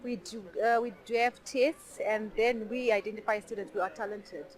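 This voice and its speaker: A woman from Zimbabwe explaining how her charity selects students, clearly and plainly. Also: mid-range voice, steady tone, moderate pace, low-quality recording. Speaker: charity representative.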